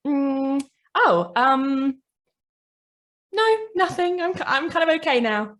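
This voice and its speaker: A woman's voice: sits high, big pitch swings, slow, voice pushed up, heavily acted. Woman putting on a clingy four-year-old child. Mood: hesitant. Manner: whiny calls, then hesitant mumbling. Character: clingy little child of four, tugging for attention.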